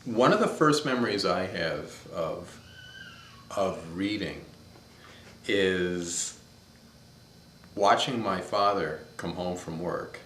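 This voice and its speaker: A man's voice: deep voice, lively intonation, takes it slowly, long pauses, a bit bright, slight background noise. A man in his fifties from upstate New York, thoughtfully telling stories of his childhood in an interview. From upstate New York, USA. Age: 50s. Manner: thoughtful, storytelling, searches for words. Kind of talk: reminiscing interview. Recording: echoey room.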